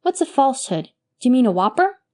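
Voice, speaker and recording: A mischievous six-year-old boy, blunt and earnest, as a woman reader puts him on. His voice is pitched well up and childish, with a soft, mellow tone and plain country turns of speech. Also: big pitch swings, fast. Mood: sheepish. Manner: childish, pleading, colloquial.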